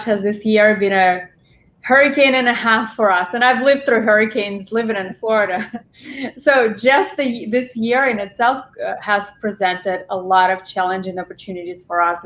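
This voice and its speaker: A woman's voice: medium pitch, steady tone, normal speed. A woman in her forties, originally from Russia, talking chattily as a restaurant owner guest in an interview. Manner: warm, chatty storytelling with laughs. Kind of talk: interview conversation. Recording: roomy echo.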